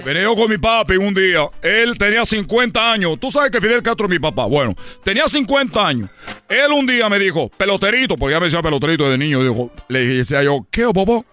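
A man's voice: sits high, big pitch swings, fast, sharp tone, soft background music. A man telling a comedy story in a rambling way, repeating himself and slipping into voices.

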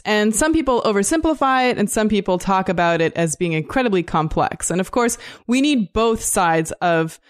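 Measured woman co-hosting a science podcast. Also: medium pitch. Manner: measured and explanatory, with some "um" fillers. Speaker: podcast co-host.

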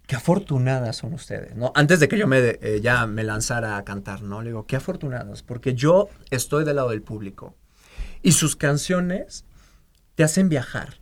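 A man, a singer and designer talking casually in an interview, animated and full of fillers and restarts. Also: mid-range voice, normal speed.

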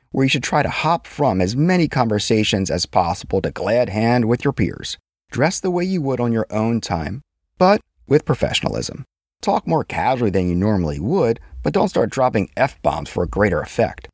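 A man's voice: a little mellow, husky, no room sound, studio quality. A man hosting a scripted etiquette advice podcast, wry and playful, voice leaping up for emphasis. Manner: wry, playful delivery with sudden jumps in pitch.

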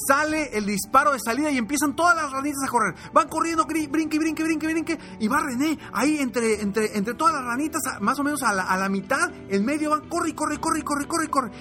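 Brief: animated coach, very high voice, spinning a motivational fable. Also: male voice, a little fast, hardly any pauses, faint music behind. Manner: animated, repetitive storyteller. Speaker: motivational coach and podcast host. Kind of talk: motivational storytelling.

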